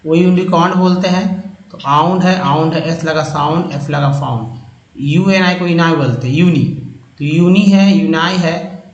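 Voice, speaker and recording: A man teaching English phonics, sounding out word parts slowly and repeating each sound several times. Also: fairly high pitch, reverberant, muffled recording. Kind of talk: explaining phonics on a whiteboard.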